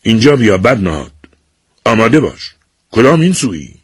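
A man reading an audiobook and voicing an eager, theatrical teenage boy who talks with excitement and dramatic declaiming. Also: on the low side, breathy edge, dry recording, clean studio sound, voice pushed up.

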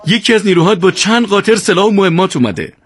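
A man voicing a blunt, steady male soldier who speaks plainly. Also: mid-range voice, natural voice. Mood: glad.

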